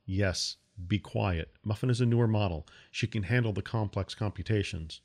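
A man voicing a determined young woman who leads a ship's crew, giving brisk orders. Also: lowish voice, a little mellow. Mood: firm.

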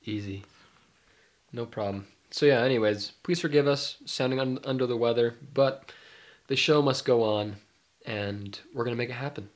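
A young man co-hosts a casual talk podcast, his mid-range voice nasal and stuffy from a cold. He speaks at normal speed and works as a mindfulness life coach.

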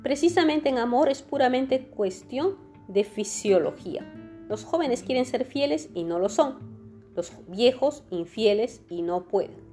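A witty, languid aristocrat, voiced by a woman, drawls with dreamy irony. The tone is soft and dark, and faint music plays behind this storybook reading. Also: on the high side, animated, unhurried, pitched above the performer's own voice. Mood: ironic.

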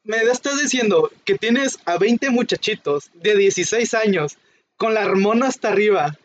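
A man's voice: sits high, animated, moderate pace, dull audio, a little hiss or hum. A young man with a Mexican Spanish accent, chatting casually and cracking wry, slangy jokes. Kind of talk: casual chat.

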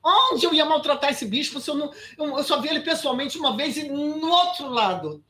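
A woman's voice: sits high, expressive, brisk, fairly bright tone. A Brazilian woman in her sixties, an actress guesting on an interview podcast, tells a story emphatically with many restarts and "sabe?" asides. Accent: Brazilian Portuguese.

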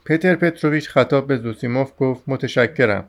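Man reading a novel aloud. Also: medium pitch. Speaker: audiobook narrator.

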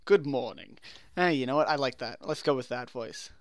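A man's voice: mid-range voice, brisk, clear, resonant tone, no room sound, clean studio sound. A man running a tabletop role-playing session as game master, talking in a rambling, self-correcting way. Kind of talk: casual tabletop game chat.

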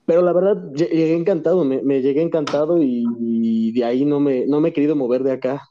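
A man as a podcast guest, talking in a relaxed, laughing way, with many repeats and restarts. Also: on the high side, fast, muffled recording, a little hiss or hum. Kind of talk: casual interview chat.

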